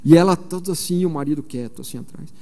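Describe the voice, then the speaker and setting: A fast-talking man in his forties, from São Paulo, Brazil, preaches at a missionary conference in a large church. His voice is a little high and slightly mellow, and his storytelling style is conversational and heavy on fillers. The hall's long reverb is clearly audible.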